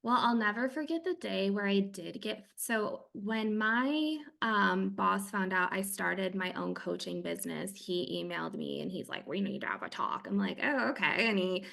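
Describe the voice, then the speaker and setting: A woman's voice: medium pitch, normal speed, gravelly, few pauses. A middle-aged woman from Michigan, a podcast guest, telling her story in casual chat and acting out the lines of the people in it. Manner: animated storytelling with acted-out quotes and laughter.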